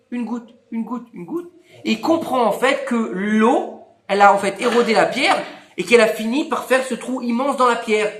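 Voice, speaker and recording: Brief: bright, high-voiced rabbi, lively storyteller, echoey room. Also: male voice. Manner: animated, acts out dialogue with big pitch swings. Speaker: rabbi teaching a Torah class. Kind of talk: lively storytelling Torah lesson.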